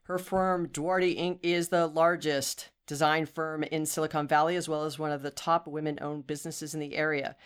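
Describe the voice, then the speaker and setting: A woman's voice: deep voice, little pitch movement, moderate pace, hardly any pauses, smooth. A woman in her fifties hosting a podcast interview, upbeat and chatty, often saying "you know" and restarting her sentences. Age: 50s. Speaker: podcast host.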